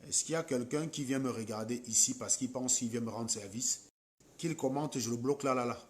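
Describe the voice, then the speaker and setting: A combative man with a Cameroonian French accent mocks and scolds commenters as he addresses viewers during a late-night live stream. He speaks a little fast at a medium pitch, and there's slight hiss or hum.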